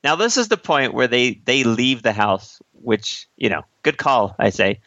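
Wry man, animated, bright, dry-miked. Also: mid-range voice, unhurried, no echo, highs cut off. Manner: wry, joking. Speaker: co-host of a comedic movie discussion show. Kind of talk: casual banter, joking movie recap.

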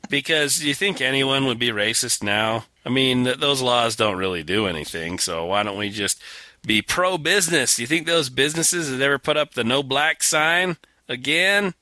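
A man's voice: mid-range voice, expressive, normal speed, sharp tone, no room sound. A man co-hosting a casual political chat, sarcastic and profane. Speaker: podcast co-host.

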